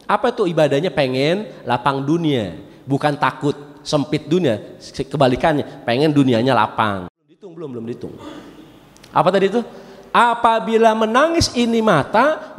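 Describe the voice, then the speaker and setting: A man preaching a sermon in a mosque, lively and emphatic, with drawn-out chanted prayers. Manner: lively, rising emphatic pitch, jokes and laughs with the congregation. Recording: long reverb of a mosque hall.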